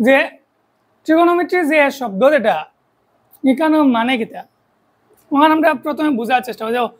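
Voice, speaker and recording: A woman with a Sylheti accent gives a math lesson for a video, with a high, slightly husky voice. She breaks each idea into small steps and keeps asking her students questions before answering them herself. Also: rough recording. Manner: explains step by step, keeps checking with rhetorical questions. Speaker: math teacher.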